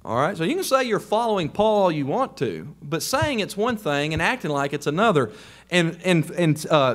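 Male preacher, high tenor register, emphatic sermon delivery. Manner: emphatic, rising to raised questions.

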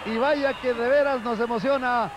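A man's voice: extremely high pitch, fairly even intonation, normal speed. A man giving live color commentary as a wrestling commentator. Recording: noisy TV broadcast, loud arena crowd. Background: loud crowd and arena noise.

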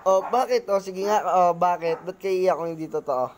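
A woman's voice: fairly low pitch, moderate pace, darkish tone, slight background noise. A woman vlogging casually among friends, teasing and badgering with repeated questions and crude swearing. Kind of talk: casual group vlog banter.

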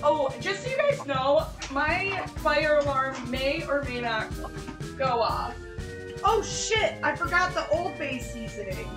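In a high, sing-song voice at a measured pace, the streamer chats casually while cooking alongside a friend in her home kitchen. She's a woman in her thirties, swearing and laughing at her own chaos, heard through a fixed camera across the room with kitchen echo and background music.

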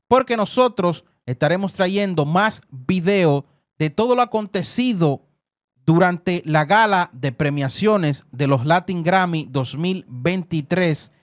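A man's voice: sits high, no room sound, clean studio sound. A man hosting celebrity news, talking effusively over clips, repeating words and calling his viewers family. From Dominican Republic. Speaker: entertainment news host.

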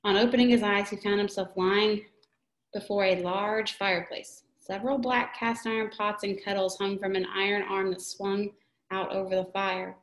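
Woman, teacher, reads a story aloud, mid pitch, roomy echo. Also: flat delivery, moderate pace. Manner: reads with small slips and restarts.

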